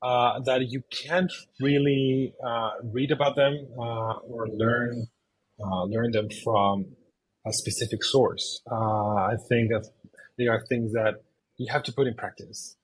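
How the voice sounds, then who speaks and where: A man from Chile in his thirties, a video game designer answering interview questions in English, pausing often with fillers and restarts. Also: mid-range voice, fairly even intonation, husky, low-quality recording. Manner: hesitant, many fillers and restarts.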